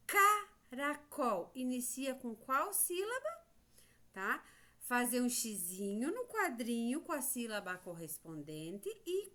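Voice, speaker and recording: A woman's voice: a little high, fairly bright tone. A woman teacher with a Brazilian accent, walking children through a class exercise in a sing-song, prompting way. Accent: Brazilian Portuguese. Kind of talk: remote class lesson.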